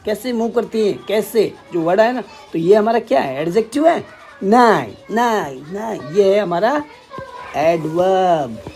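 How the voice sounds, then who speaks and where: A man's voice: high-pitched, a little mellow. A man teaching an English grammar lesson in Hindi, explaining step by step and often checking with "ठीक है".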